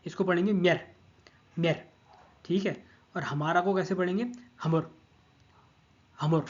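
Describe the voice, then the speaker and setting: Man, patient language teacher, repeats words, slightly raised pitch, somewhat muffled audio. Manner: patient, repeats each word several times and checks with "theek hai". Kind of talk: explaining grammar over a screen of notes.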